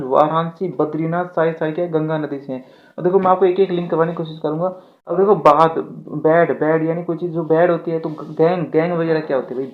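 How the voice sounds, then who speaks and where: A man teaching exam mnemonics, often asking a question and answering it himself and repeating his lines. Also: on the high side. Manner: repetitive, asks and answers his own questions. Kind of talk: exam-prep mnemonic lesson. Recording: tinny phone-like audio.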